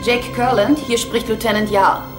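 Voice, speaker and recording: An actress playing a brisk female starship security lieutenant, making clipped, urgent reports in a dubbed science fiction drama. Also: fairly high pitch, steady tone, natural voice. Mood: alert, urgent. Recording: loud music underneath.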